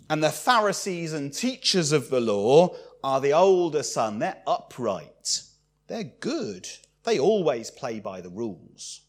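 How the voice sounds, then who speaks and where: A man preaching a sermon, expressive and acting out the lines he quotes. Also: a little high.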